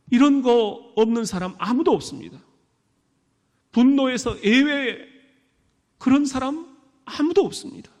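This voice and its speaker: Emphatic Korean pastor with high bursts. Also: male voice, a little mellow. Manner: emphatic, rising to high bursts on key words. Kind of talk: sermon. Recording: long hall reverb.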